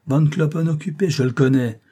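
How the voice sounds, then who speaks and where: A man reading an audiobook, voicing a boastful young male dandy in a shrill, grating voice with loud exclamations. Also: lively intonation, moderate pace, slightly rough. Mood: blustering.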